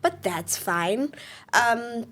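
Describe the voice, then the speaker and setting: A woman interviewing a guest, asking relaxed, quick follow-up questions. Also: fairly high pitch.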